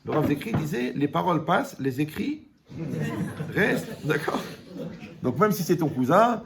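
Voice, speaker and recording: A man giving a lively Torah class, joking and asking his audience questions. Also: fairly high pitch, normal speed, gravelly, crowd noise. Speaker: Torah teacher.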